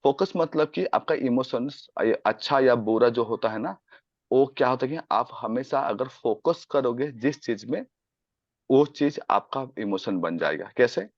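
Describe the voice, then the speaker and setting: A man runs an online sales class, switching between Hindi and English and firing questions at his students. His voice sits at a middle pitch. The call audio is dull and dry, with no room sound. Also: a little slow, no room sound. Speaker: sales coach.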